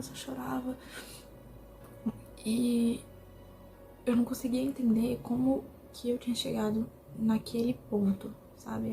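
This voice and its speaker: Young brazilian woman vlogging, mellow voice, repeats herself a lot, faint hiss behind. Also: on the high side, gravelly. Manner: emotional, halting retelling with many repetitions. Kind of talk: personal storytelling vlog.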